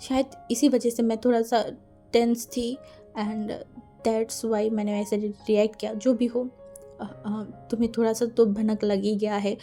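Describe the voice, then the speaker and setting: A grave, reserved young husband who speaks softly and haltingly, as a woman narrator puts him on. His voice is mellow and subdued, with faint music behind. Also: fairly high pitch, flat delivery. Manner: quiet, grave, hesitant.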